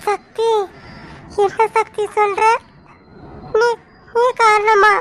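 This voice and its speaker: A woman's voice: extremely high pitch, little pitch movement, very slow, fairly bright tone, heavily acted. A woman with a Tamil accent voicing a frightened young woman in a cartoon, crying and urgent. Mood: tearful.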